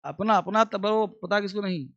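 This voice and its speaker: A man's voice: high voice, steady tone, brisk, fairly bright tone, lo-fi sound. A man teaching a basic English class, drilling words and repeating questions for students to answer.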